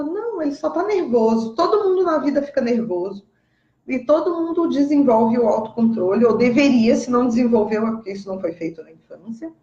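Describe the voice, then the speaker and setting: A woman's voice: fairly high pitch, a little mellow, roomy sound, muffled recording. A woman with a Brazilian Portuguese accent, a parenting educator giving casual, emphatic advice and often checking in with her listeners.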